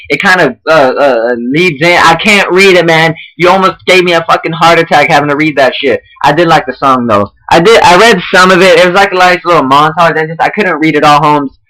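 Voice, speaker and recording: Young man, bright voice, rambling casual feedback host, swears a lot. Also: a little high, poor audio. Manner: rambling, profane, many restarts and fillers. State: out of breath. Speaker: online wrestling roleplay host giving feedback.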